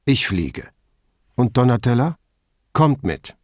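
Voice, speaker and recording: A man voicing an older male count, grieving and halting, quick to flare up. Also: mid-range voice, big pitch swings, no echo, studio quality. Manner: halting, heavy with grief.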